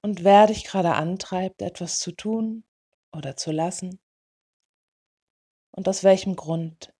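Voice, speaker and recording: A woman leading a guided meditation in a soothing, gentle way, in short unhurried phrases. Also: on the low side. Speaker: meditation guide for dog owners.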